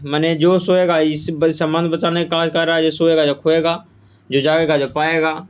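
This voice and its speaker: Guy teaching grammar for exams, kinda high clear voice, keeps asking then answering himself. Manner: repeats answers with quiz-style questions to the class. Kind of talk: exam-prep grammar lesson.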